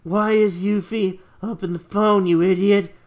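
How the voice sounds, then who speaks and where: An amateur reader voicing a cool, confident male rival racer in a fan-fiction reading, with a mostly flat delivery. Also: mid-range voice, unhurried, lightly acted. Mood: irritated.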